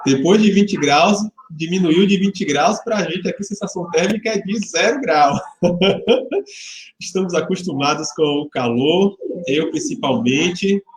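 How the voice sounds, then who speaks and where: A man's voice: high-pitched, measured pace. A man of about forty from Salvador, a pastor who chats casually with a livestream audience and leads a prayer. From Salvador, Bahia, Brazil. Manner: chatty and informal, greeting viewers by name, joking lightly. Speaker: pastor leading the service. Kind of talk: livestreamed church service, greetings and prayer. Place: church hall. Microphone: webcam microphone. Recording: roomy webcam sound.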